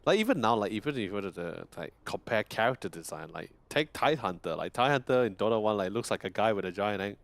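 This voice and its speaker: A man's voice: on the low side, expressive, fast, gravelly, hardly any pauses, dry recording. A young man casting an esports event, chatting casually and laughing often. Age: young adult. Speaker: esports caster. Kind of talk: casual caster banter.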